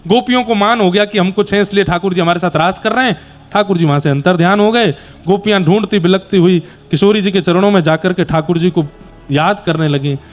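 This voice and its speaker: A man's voice: sits high, brisk, soft background music. A man giving a devotional scripture discourse, animatedly telling stories and acting out the dialogue. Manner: animated storytelling with quoted dialogue. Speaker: kathavachak (scripture storyteller).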